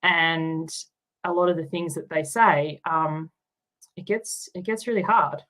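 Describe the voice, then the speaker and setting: A woman's voice: low-pitched, fairly even intonation, unhurried, fairly bright tone, low-quality recording. A middle-aged Australian woman from Tasmania, speaking openly and reflectively as an interview guest, with frequent ums and likes. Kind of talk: candid interview conversation.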